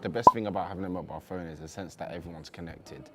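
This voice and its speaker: A man in his twenties, a university student, chatting through interview answers in a relaxed way, full of "um" and "like". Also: deep voice, very fast, heavy background noise. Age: 20s.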